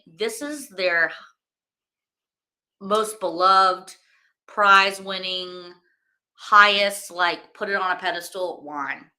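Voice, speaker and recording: A woman's voice: lowish voice, sharp tone. A woman hosting a wine-tasting livestream, chatting casually and enthusiastically with lots of rambling fillers.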